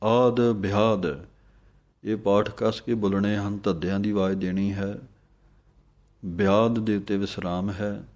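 Male recitation teacher, flat low voice, slow chanted verses broken by quick spoken corrections. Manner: chants verses slowly, then explains pronunciation in brisk asides.

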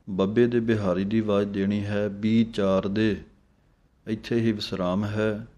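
A man teaching the correct pronunciation of scripture, slowly chanting each verse and then explaining it. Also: fairly low pitch, warm tone, dull audio. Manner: slow chanting of verses between quick spoken explanations. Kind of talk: step-by-step pronunciation lesson.

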